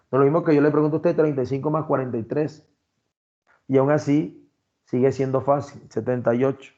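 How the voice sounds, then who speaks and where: A man's voice: mid-range voice, a little mellow. Man lecturing a class, lo-fi. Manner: explains criteria step by step, addresses students directly. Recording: dull lo-fi sound.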